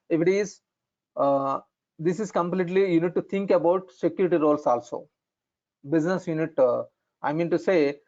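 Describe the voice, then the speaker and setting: A man with an Indian accent explaining things as an instructor in an online lesson, in halting, repetitive phrasing. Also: fairly high pitch, a little mellow. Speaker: instructor in functional finance consulting. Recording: dull, lo-fi online call audio.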